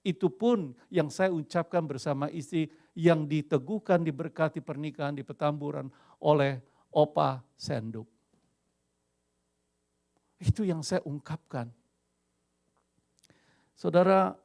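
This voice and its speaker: An older pastor from Indonesia preaching with lively energy. His voice sits a touch high with a gravelly edge. He weaves English phrases into his sermon. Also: unhurried, pauses often.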